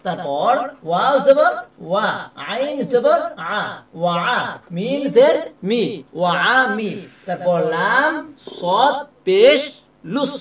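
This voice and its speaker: A man teaching Quran reading, spelling out words letter by letter, asking questions and answering them himself, and slowly chanting the verses. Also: high-pitched, expressive, roomy sound, recorded from a distance. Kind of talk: spelling out a recitation lesson.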